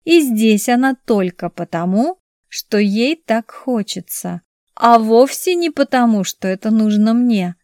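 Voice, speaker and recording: Woman doing a sneery cold young guy, calm and cruel, slow. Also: on the high side, no room sound, studio quality. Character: mocking cold young man, quietly cruel.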